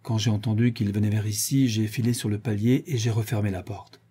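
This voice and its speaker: A man's voice: fairly low pitch, fairly even intonation, brisk, dark tone, husky. A man reading an audiobook, voicing a frightened servant woman who gives her account in a plain, hesitant way. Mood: uneasy.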